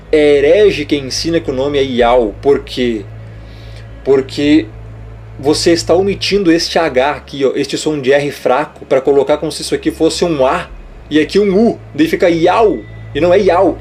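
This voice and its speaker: A man's voice: a little high, darkish tone, a little hiss or hum. A man explaining letters on a board as a religious teacher, emphatic and scolding, checking in often with short questions. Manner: emphatic, scolding, repeats points with "tá?" and "ok?". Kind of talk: didactic explanation over a board.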